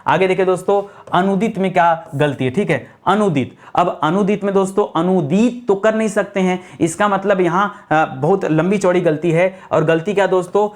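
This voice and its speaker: A man's voice: high-pitched, moderate pace, few pauses. A man teaching an exam-prep spelling lesson, repeatedly quizzing his students with questions. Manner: repetitive quiz-style questions to students. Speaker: Hindi teacher.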